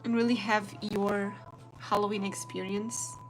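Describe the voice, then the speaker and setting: A woman's voice: mid-range voice, unhurried, slight background noise. Young Portuguese woman chatting while journaling. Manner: chatty, relaxed, talks to viewers while drawing. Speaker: planner artist and vlogger. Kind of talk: casual live-stream chat while journaling.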